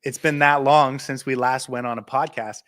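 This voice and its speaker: A man co-hosting a casual podcast, talking excitedly and quickly until he runs short of breath. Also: mid-range voice. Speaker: podcast co-host. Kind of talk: casual chat.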